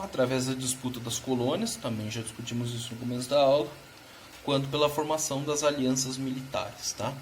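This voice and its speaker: A Brazilian man with a Brazilian Portuguese accent teaches a recorded history lesson in a medium-pitched voice. He explains patiently and checks in with students often, with a little hiss or hum on the recording.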